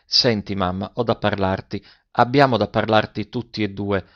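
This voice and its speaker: A man's voice: fairly low pitch, fairly even intonation, moderate pace, fairly bright tone, natural voice. A man voicing an earnest, determined young girl pleading with her mother, in a slightly dull recording. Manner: resolute, pleading.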